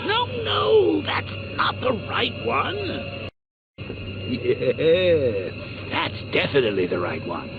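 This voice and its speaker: The Joker, wildly swooping gravelly villain. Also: male voice, a little high, wildly swooping pitch, takes it slowly, heavily acted. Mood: mocking taunts. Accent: American. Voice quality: gravelly, cackling. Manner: theatrical, mocking, swooping from sinister murmurs to gleeful cries. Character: manic, sadistic clown villain, gleefully taunting a vigilante. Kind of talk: theatrical video game villain acting. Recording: tinny band-limited game audio under loud music.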